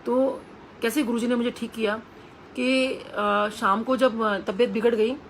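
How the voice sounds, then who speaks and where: A woman's voice: on the high side, steady tone, measured pace, slight background noise, low-quality recording. A woman telling an earnest personal testimony to a congregation, acting out the voices of the people she quotes. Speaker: devotee sharing a testimony.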